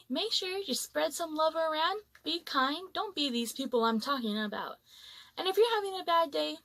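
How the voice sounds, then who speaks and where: A woman's voice: high-pitched, vocal fry, dry recording. A woman vlogger telling a story in a casual, chatty way, full of "like" fillers. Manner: chatty, many "like" fillers, animated retelling.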